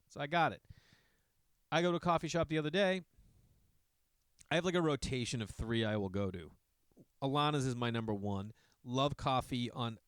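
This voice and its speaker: In studio-quality audio with no echo, a middle-aged Massachusetts podcast host talks off the cuff in a smooth, medium-pitched voice. He wanders casually from point to point and keeps swearing at his listeners in asides.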